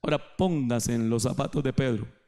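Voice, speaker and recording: A man's voice: medium pitch, moderate pace, mellow. A male pastor preaching a sermon in church, rising and dropping his voice for emphasis.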